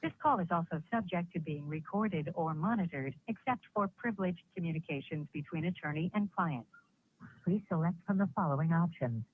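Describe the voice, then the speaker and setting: A recorded automated announcer on a prison phone line, reading formal call prompts in a flat, measured way. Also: mid-range voice. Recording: tinny husky phone line.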